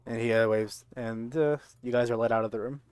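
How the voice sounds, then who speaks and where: A man narrating a tabletop game as game master in a halting, informal, slangy way. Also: mid-range voice, fairly even intonation, darkish tone, smooth, no room sound.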